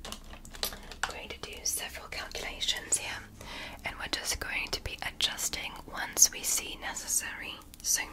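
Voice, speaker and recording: In a rough recording, a woman uses her natural voice to whisper as a calm, clinical female alien doctor in an ASMR roleplay. She's soft and reassuring, with precise, measured instructions.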